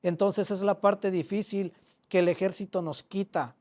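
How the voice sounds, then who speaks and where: Older man, slightly high voice, author sharing heartfelt stories with a live audience. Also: fairly even intonation, normal speed, a little mellow. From Mexico. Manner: emotional, plainspoken storytelling with quoted dialogue. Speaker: author presenting his book. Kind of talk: personal storytelling to an audience. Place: public library hall.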